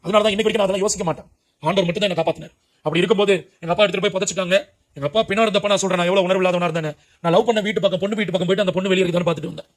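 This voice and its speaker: Rapid, high-voiced impassioned male preacher. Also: steady tone. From Puducherry, India. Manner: emotional, urgent, cries out to young listeners. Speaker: preacher giving his testimony. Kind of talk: impassioned testimony sermon.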